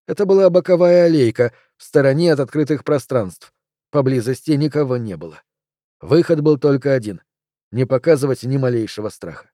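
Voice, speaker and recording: A man reading a novel aloud in measured, even narration. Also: medium pitch, no echo, studio quality. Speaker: audiobook reader. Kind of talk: scripted narration.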